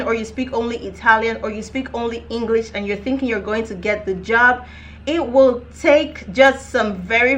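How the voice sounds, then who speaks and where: A woman's voice: a little high, a bit bright. A young woman coaching viewers on careers, talking to camera in a direct, emphatic, conversational way. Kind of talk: casual advice vlog.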